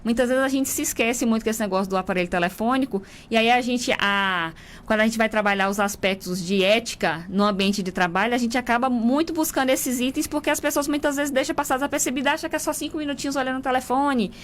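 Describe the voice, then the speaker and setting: Quick-talking Bahian woman instructor. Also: on the high side, slight background noise. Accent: Bahian Brazilian Portuguese. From Brazil. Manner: didactic, explains step by step. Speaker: instructor at a transport workers' training center. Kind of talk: explanatory interview answers.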